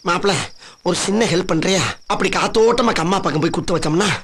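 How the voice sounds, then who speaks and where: A man's voice: high-pitched, fast, fairly bright tone, slightly rough. An actor playing a cowardly, bumbling village man who whines and frets in a film comedy. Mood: pleading. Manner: whining, fretful comic complaining. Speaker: comic lead in a film. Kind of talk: Tamil film comedy acting.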